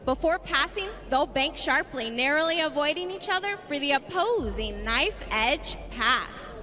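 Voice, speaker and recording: A woman giving scripted airshow commentary as the announcer, in a measured, dramatic way with deliberate phrasing. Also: sits high, animated, a crowd in the background. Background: music.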